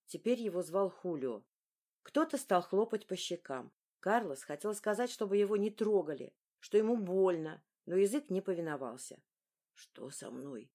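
A woman narrating a novel aloud in a scripted, expressive storytelling delivery. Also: lowish voice. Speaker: audiobook narrator.

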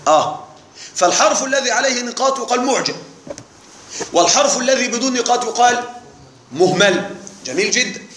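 A man with a high voice teaches grammar to a live class in a roomy, echoing hall. He explains patiently, repeats the key terms and keeps asking whether the students follow. Faint background noise sits under his voice. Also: animated, a little fast, long pauses, fairly bright tone. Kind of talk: classroom lesson.

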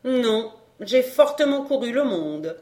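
A woman's voice: on the high side, lively intonation, slow, warm tone, pitched above the performer's own voice. A woman reading an audiobook voices a brash, streetwise female fortune-teller who banters and mocks. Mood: bantering. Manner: bold, bantering, mocking. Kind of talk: audiobook character voice.

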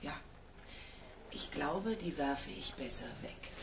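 An actress playing a businesslike hospital nurse in a radio drama, plain and unhurried, in an echoey space. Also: female voice, deep voice, lively intonation, full character voice. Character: brisk, matter-of-fact female hospital nurse. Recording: distant, echoey room with clear noise.

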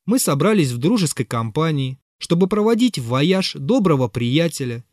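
A man reading an audiobook, voicing a blunt, gruff young officer scolding someone rudely. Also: a little high, sing-song, normal speed, darkish tone, no room sound, studio quality. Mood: rebuking.

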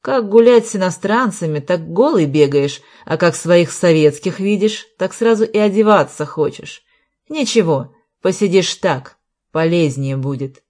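A woman's voice: on the low side, very animated, measured pace, few pauses, darkish tone. A woman reading an audiobook, voicing a rude, domineering male security officer. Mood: rough taunting. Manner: rude, commanding.

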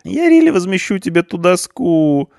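A man's voice: sits high, sing-song, normal speed, gravelly, darkish tone, no echo, studio quality, pitched above the performer's own voice, heavily acted. A man voicing a panicky eighteen-year-old punk boy behind bars, whining and pleading in slang. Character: panicky whiny teenage punk boy in jail.

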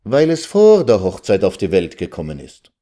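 A man's voice: fairly low pitch, wildly swooping pitch, moderate pace, warm tone. A man voicing a condescending village lawyer who lectures others on the law. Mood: lecturing. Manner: lecturing, know-it-all. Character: know-it-all old village lawyer, condescending.

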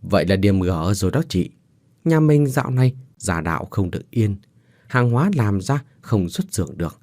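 A man voicing a scheming young woman with a soft, coaxing manner. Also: lowish voice, animated, moderate pace, no echo, clean studio sound.

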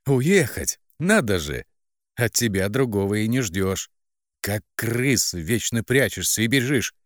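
A man voicing a spiteful, cruel young woman who mocks her sister in a shrill, contemptuous voice. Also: big pitch swings, slow, no echo, studio quality. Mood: scornful.

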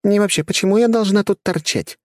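A man's voice: sits high, a little fast, a little mellow, no room sound, studio quality, voice pushed up, close to an everyday voice. A man voicing a haughty young noblewoman in an audiobook, speaking lazily and with disdain. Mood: bored. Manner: lazy, bored and disdainful. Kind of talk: audiobook character voice.

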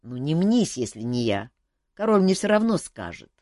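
A woman's voice: low-pitched, sing-song, moderate pace, darkish tone, no room sound. A woman voicing a tired, joking male court jester who mocks himself and others in a dry room. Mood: wry, weary. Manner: wry, self-mocking banter.

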